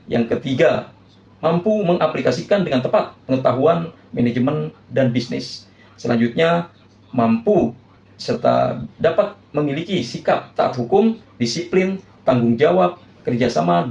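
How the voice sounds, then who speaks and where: A male university lecturer reading a formal course overview, listing points one by one with hesitant filler pauses. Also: mid-range voice, creaky, darkish tone, echoey room, lo-fi sound.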